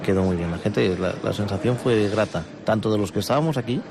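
A man from Spain with a Spanish accent answers as a club spokesman in a live radio interview, formal in wording with some hesitations. His lowish voice is fairly quick with vocal fry. He's recorded in a noisy outdoor urban setting, with a crowd, traffic, and street and vehicle noise behind him.

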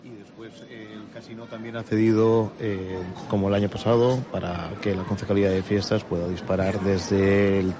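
With fairly low pitch and little rise or fall, the man speaks at normal speed and barely pauses, a crowd audible in the background. He has a Spanish accent from Spain and is answering for a club on live radio, formal in wording yet with some hesitations. The setting is a noisy city street outdoors, with vehicles passing.

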